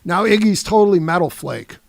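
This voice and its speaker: A man in his sixties from the Detroit area, a guest musician telling an animated story in a casual interview, laughing often and dropping "man" and "you know". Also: high-pitched, a little fast, vocal fry, a little hiss or hum.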